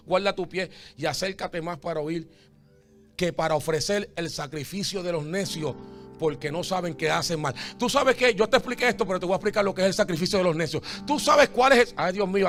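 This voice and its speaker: A man preaching a sermon as pastor, swinging from hushed talk to shouts and calling his listeners "amado". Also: high voice. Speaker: bishop, pastor.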